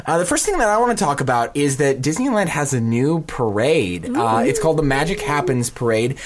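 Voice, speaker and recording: A man co-hosts a podcast in a casual chatting style. His medium-pitched voice moves up and down a lot as he talks. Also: sing-song, a little fast, a crowd in the background. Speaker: podcast co-host. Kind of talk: casual chat.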